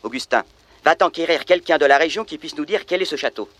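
An actor playing a gallant young prince in a storybook recording, speaking in a courtly, declamatory way. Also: male voice, on the high side, expressive, fast talker, a bit bright. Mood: commanding. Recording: music playing behind. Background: background music.

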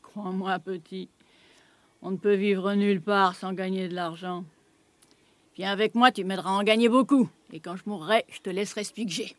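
A man's voice: sits high, fairly even intonation, moderate pace, fairly bright tone, dry recording. A man playing a shrewd, secretive old beggar woman in a radio drama, blunt and coaxing. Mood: urgent.

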